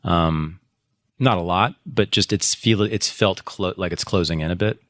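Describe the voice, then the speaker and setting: A teacher appearing as a podcast guest speaks in a deep, slightly bright voice at a measured pace, recorded with clean studio sound and no room echo. In a live discussion he talks at length, rambling, circling back, correcting himself and laughing often.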